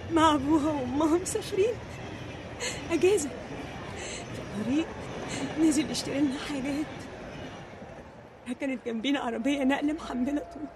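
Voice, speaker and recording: A woman's voice: very high-pitched, background noise. A woman playing a young grief-stricken Egyptian girl, tearful and accusing, in a TV drama. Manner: tearful, breaking into shouts. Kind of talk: TV drama acting.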